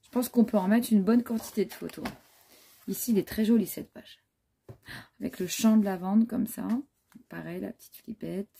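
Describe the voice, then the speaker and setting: A woman chats casually through a handmade scrapbook for her viewers. Her voice is warm and a touch husky. She keeps stopping to admire the pages and fills her talk with small hesitations. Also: mid-range voice, fairly even intonation, normal speed. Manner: admiring, chatty, many fillers. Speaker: scrapbooking vlogger. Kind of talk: casual show-and-tell chat.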